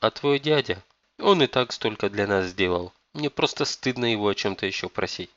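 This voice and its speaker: A man voicing a weary, ashamed middle-aged mother who speaks softly and sadly. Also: lowish voice, lively intonation, moderate pace, dry recording, muffled recording. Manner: soft, sorrowful.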